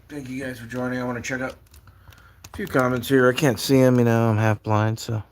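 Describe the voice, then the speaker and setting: A man hosting a casual livestream, talking in an excitable, rambling way with many fillers. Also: medium pitch, normal speed, slight background noise. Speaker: livestream host. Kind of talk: casual livestream chat about prophecy.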